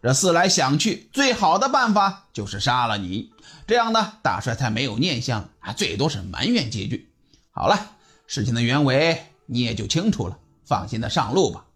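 A man's voice: medium pitch, very animated, normal speed, fairly bright tone, pitched below the performer's own voice. A man voicing a cold, menacing burly male army officer who sneers as he talks.

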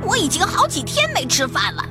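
A woman voicing a hungry, menacing wild cat villain who taunts its prey in a children's audio fairy tale, with cackling, drawn-out delivery. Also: very high-pitched, huge pitch swings, loud music behind the voice, pitched above the performer's own voice, full character voice. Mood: taunting, menacing.

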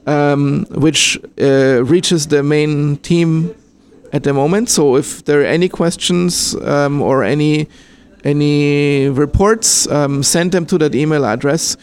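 Austria-born man, slightly higher voice, thoughtful interviewee who hesitates a lot. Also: slow, darkish tone, clean tone. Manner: hesitant, many ums and restarts. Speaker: interviewee, fan filmmaker. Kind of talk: casual interview answers.

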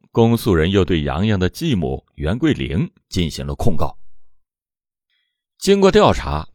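A low-voiced, slightly mellow man hosts a true crime show, narrating a case from a script with dramatic, swooping emphasis: his pitch springs up at the start of phrases and sinks at the end. A close studio mic gives a dry sound with no room in it.

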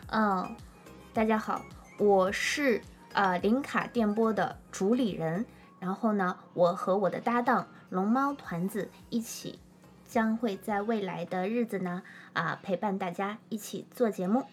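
A woman's voice: medium pitch, a little slow, faint music behind. A woman hosting a podcast in casual chat, playfully prompting her partner along. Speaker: podcast host. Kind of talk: casual chat, introducing the show.

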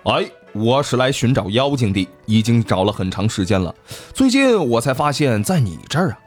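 A travelling stranger hunting a fox spirit explains himself earnestly and warns of danger, as a male storyteller plays him. The voice sits in a middle pitch with lively swings. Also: moderate pace, soft background music. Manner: earnest, warning.

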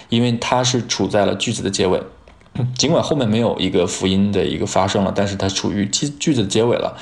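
Brief: young male English teacher, Chinese first language, slightly low voice, patient slow drills. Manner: drills phrases slowly, repeating them. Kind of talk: pronunciation lesson.

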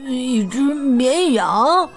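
Woman doing a spoiled little wolf cub, high and slow, dragging out every whine like a storybook baby. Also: animated, fairly bright tone, faint music behind, full character voice. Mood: whiny. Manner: drawn-out, wheedling calls, bursts into tantrums. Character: greedy, whiny young male wolf cub. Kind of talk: storybook read-aloud.

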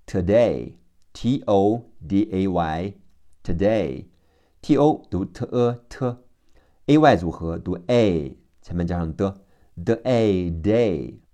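A man with a Chinese accent teaching English vocabulary through phonics, spelling each word letter by letter and repeating it slowly. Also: sits low, animated, warm tone.

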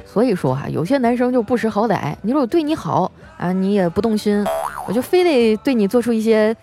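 A woman's voice: a little high, expressive, fairly quick, over music. A woman radio host reading out listener jokes in a playful, teasing way and laughing often.

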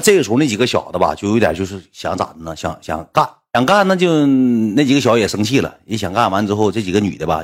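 A man with a Northeastern Mandarin accent tells a rambling, colloquial anecdote and keeps repeating himself. He has a lowish, slightly rough voice.

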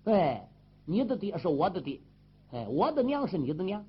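A male storyteller voicing an injured, hot-tempered warrior who swears loud brotherly oaths. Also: sits high, very animated, normal speed, breathy edge, dull audio, heavily acted. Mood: boastful.

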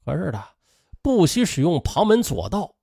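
A man's voice: fairly high pitch, normal speed, gravelly, no room sound, clean studio sound. A man telling a true-crime story with many conversational asides and a strongly rising and falling delivery. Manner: lively rise and fall, chatty asides.

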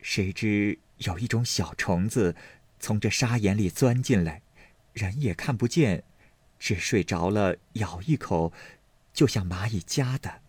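A man voicing a meek, careful young maid in a storybook reading, speaking softly. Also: on the low side, measured pace, breathy edge, no echo. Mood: hushed. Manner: hushed, soft-spoken.

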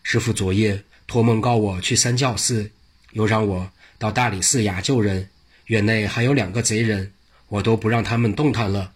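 A man doing a calm, polite young monk. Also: fairly low pitch, normal speed, breathy edge. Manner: polite, explanatory.

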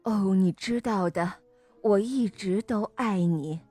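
Grown male monkey parent, voiced by a woman, gentle and reassuring, breathy tone, storybook. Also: mid-range voice, takes it slowly, no room sound, soft background music. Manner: soft, soothing, reassuring. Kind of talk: children's storybook voice acting.

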